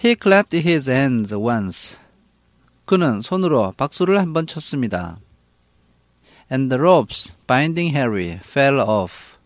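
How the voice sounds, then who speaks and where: A man from Korea teaching an English novel, reading each line slowly and then translating it. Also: medium pitch, very animated, dry recording, studio quality. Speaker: English book lecturer.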